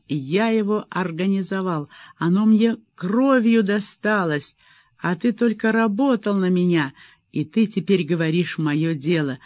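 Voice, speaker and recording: A man's voice: high-pitched, dry recording, lo-fi sound, voice pushed up. A man reading an audiobook, voicing a domineering, sarcastic male boss who turns furious and bullying. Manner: mocking, then furious and bullying. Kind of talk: audiobook character voice.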